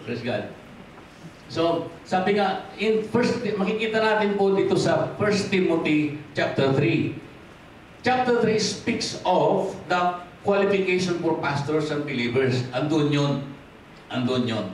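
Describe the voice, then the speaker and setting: A Filipino pastor delivers a sermon, his fairly high voice mixing in English and prompting the congregation for amens. He lifts his voice for emphasis and sinks low and soft at the end of each point. The sound is heavily echoey, picked up from across a large hall with faint noise underneath. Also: measured pace, distant mic. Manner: drops low and quiet at ends of points. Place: church hall.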